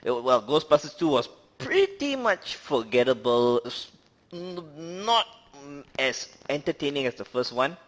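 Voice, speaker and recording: A man's voice: medium pitch, big pitch swings, measured pace. A man co-hosting a casual movie review chat, rambling with many fillers and laughing often. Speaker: podcast co-host.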